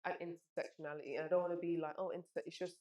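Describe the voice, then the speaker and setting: Low-pitched woman in a roomy echo. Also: steady tone, rapid-fire, dark tone. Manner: hesitant, searching for words, many likes and ums. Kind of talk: casual interview talk.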